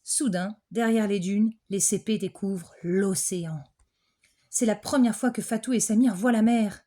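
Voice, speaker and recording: A woman reading a children's picture book aloud in a clear, gentle storytelling manner. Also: mid-range voice, normal speed. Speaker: storybook reader.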